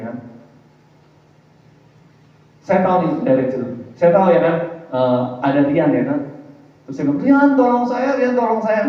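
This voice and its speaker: A pastor delivers a lively sermon with a fairly high voice. He tells stories and keeps addressing the congregation. The recording is heavily echoey, picked up from a distance in a church hall, with a dull sound. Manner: animated storytelling preaching, often calls out to the congregation.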